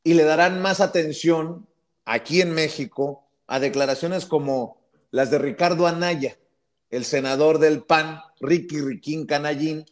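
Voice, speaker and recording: A Mexican man hosts a political talk show in a slightly higher voice. He comes across as mocking and sarcastic as he addresses his guest. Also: fairly even intonation, unhurried. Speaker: host.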